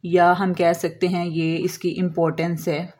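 A woman explaining a lesson as an English teacher, slowly drawing out example words and answering her own questions. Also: lowish voice, little pitch movement, mellow. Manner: asks questions and answers them herself.

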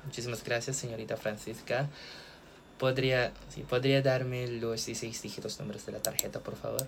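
A man's voice: medium pitch, fairly even intonation, brisk, gravelly, noisy background. A man acting as a bank customer service agent on a call, speaking politely and formally with frequent thanks. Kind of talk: role-played phone support call.

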